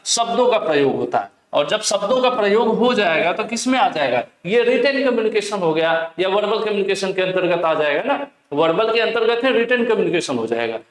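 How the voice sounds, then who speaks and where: A man teaching an exam question-bank lesson, asking questions and answering them himself, repeating points and reading English questions aloud. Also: high-pitched. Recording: echoey room.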